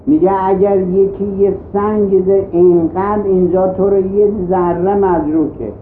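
Impassioned preacher with a high voice. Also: male voice, steady tone, a little hiss or hum. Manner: impassioned, pleading, repeats questions to the audience. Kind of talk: emotional religious sermon. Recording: echoey room over a tinny phone-like line.

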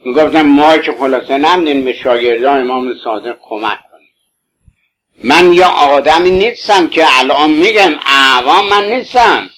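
An older man with a somewhat high voice tells an emotional religious story. He speaks fervently and pleadingly, slipping into everyday colloquial phrasing. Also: a bit bright, low-quality recording. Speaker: bereaved husband recounting his late wife.

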